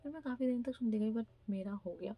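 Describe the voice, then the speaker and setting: A young woman from India telling a story in a casual vlog, chatty and animated, sometimes dropping to a half-whisper. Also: fairly high pitch, fast, breathy edge, narrow, tinny audio. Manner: chatty, animated retelling with mimicry; speaks softly, half-whispering at times. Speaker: vlogger.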